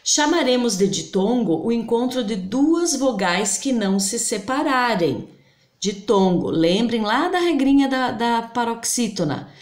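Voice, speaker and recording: A woman teaching a grammar lesson, slowly spelling out example words syllable by syllable. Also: a little high, animated. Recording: roomy echo.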